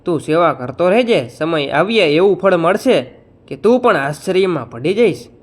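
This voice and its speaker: A gentle, wise old sadhu speaks softly to comfort a young man in a folk story, voiced by a male narrator. The voice sits high and moves with a lively lilt. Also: normal speed. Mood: consoling.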